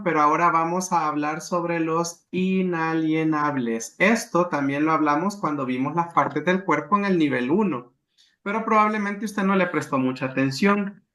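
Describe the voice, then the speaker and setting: A man leads a language lesson in a bright, slightly high voice. He explains each grammar rule patiently, repeating examples and checking in with his students as he goes. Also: a little slow. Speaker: language teacher.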